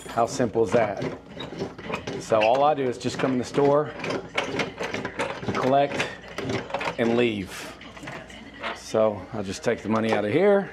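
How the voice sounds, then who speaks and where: A man's voice: medium pitch, lively intonation, unhurried, pauses often. A man casually demonstrating a task for a vlog in an upbeat way inside a laundromat. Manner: upbeat, punctuates steps with "bam". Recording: clear background noise.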